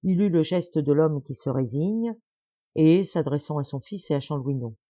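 Woman audiobook reader, lively pitch, husky, dry slightly dull recording. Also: moderate pace, no room sound. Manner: expressive, dramatic reading. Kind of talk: scripted narration.

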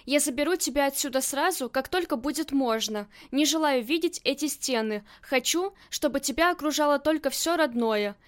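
A loving husband in an audiobook, tender with his wife and blunt with everyone else, as a woman reads him. The voice sits high and light. He barks short orders. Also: moderate pace, few pauses, lightly acted. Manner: tender, then gruff and commanding. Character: adoring husband, gangland boss's man.

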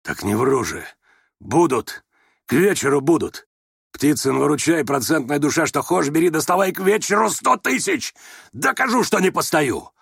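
A man voicing a reckless, drunk young merchant who shouts and boasts. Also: medium pitch, slow, creaky, breathy edge, no room sound, studio quality, exaggerated voice. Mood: wild, boastful. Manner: loud, boastful, excited.

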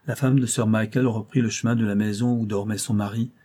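Male audiobook narrator, mellow and husky, steady measured reading. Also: fairly low pitch. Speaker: audiobook reader. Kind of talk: scripted narration of a classic novel.

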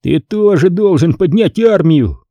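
A man's voice: expressive, unhurried, mellow, no echo. A man voicing a know-it-all boy running the game. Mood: instructing. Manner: low, mysterious, impatient. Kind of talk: audiobook character voice.

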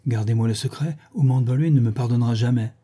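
A man reading the lines of a calm, devoted young English gentleman in an audiobook, gentle and reassuring. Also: mid-range voice, fast, breathy edge, close to an everyday voice.

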